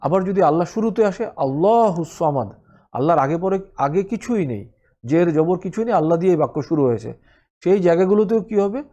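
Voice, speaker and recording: A man's voice: high-pitched, animated, fast, warm tone, muffled recording. A man teaching Quran recitation in a spoken lesson, explaining each rule patiently and repeating the sounds for practice.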